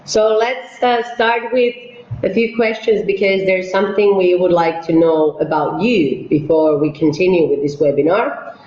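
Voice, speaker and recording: A woman's voice: on the low side, fairly even intonation, moderate pace, a little mellow. A woman from Finland, an operations manager, hosting an online webinar and walking viewers through polls and a presentation. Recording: echoey, dull webinar audio.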